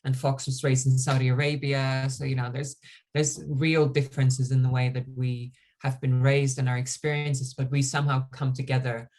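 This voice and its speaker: Author from Iceland, mid pitch, relaxed, chatty, casual interview, video call. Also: moderate pace.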